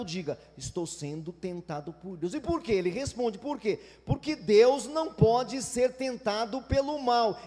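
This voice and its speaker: A man's voice: very high voice, darkish tone, in a large hall. A Brazilian man preaching a sermon as a pastor, emphatic, sometimes acting out whiny complaining churchgoers. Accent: Brazilian Portuguese.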